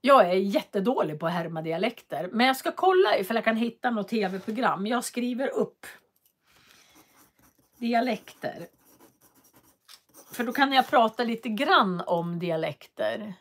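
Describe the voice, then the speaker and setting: A woman's voice: fairly high pitch, expressive, pauses often. A woman hosting a casual livestream from her home office, chatting and reading out viewer comments with frequent hesitations. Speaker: livestream host.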